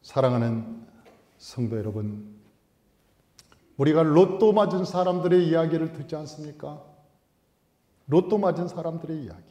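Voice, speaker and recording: A male pastor delivering a storytelling sermon in a church sanctuary, swinging between hushed asides and loud, emphatic outbursts. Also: a little high, normal speed, long pauses. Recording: echoey hall.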